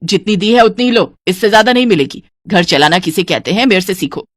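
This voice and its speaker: A woman's voice: mid-range voice, expressive, brisk, no room sound, close to an everyday voice. A woman voicing a stingy, scolding middle-aged mother-in-law in a cartoon moral story, bossy and grumbling.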